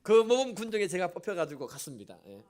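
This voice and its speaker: A middle-aged man preaches from a church sanctuary, his voice sitting high and his pace quick. His sermon unfolds as lively storytelling, punctuated by asides to the people listening.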